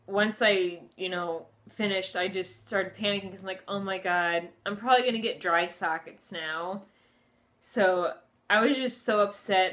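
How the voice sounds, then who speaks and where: A woman's voice: mid-range voice, fairly bright tone. Chatty young woman telling a personal story. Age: 20s. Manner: chatty, conversational, frequent "like" and "you know". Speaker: vlogger. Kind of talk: casual personal storytelling to camera. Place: furnished room at home, indoors.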